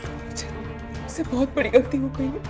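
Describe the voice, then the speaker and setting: A woman playing a desperate, very high-voiced wife. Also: fairly even intonation, moderate pace, music in the background, natural voice. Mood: sobbing. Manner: pleading, breaks into sobbing appeals. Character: desperate married young woman deep in debt. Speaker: actress in a web drama. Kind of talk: melodramatic Hindi short-drama acting.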